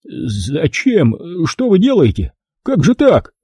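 A man doing a blustering crook who threatens one moment and pleads the next, his voice pitched up and strained. The tone is dark and husky, read close and dry in an audiobook. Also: big pitch swings, moderate pace, no echo, full character voice. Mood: panicked. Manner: shrill, blustering, frightened. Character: panicky indignant middle-aged male photographer.

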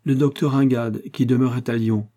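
A man's voice: mid-range voice, fairly even intonation, normal speed, mellow, lightly acted. A man voicing a wary carpenter's wife who grumbles curt warnings under her breath. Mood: grumbling.

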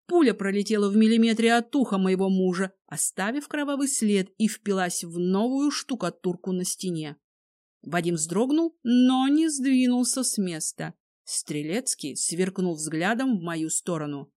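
A woman reading a first-person dramatic story aloud, expressive throughout. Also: medium pitch, normal speed. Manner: expressive, voices each character. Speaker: audiobook narrator.

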